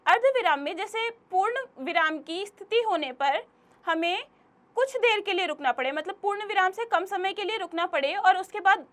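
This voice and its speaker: A young woman teaching a grammar lesson to children, addressing them directly and slowing down to read example sentences aloud. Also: very high voice, fairly bright tone.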